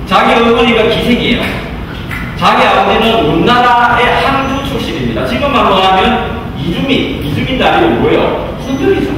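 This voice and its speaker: Distant, echoey man lecturing in a hall. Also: very high voice. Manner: asks the audience questions and answers them himself. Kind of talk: classroom lecture to teenagers. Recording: distant, very echoey hall with audible room noise.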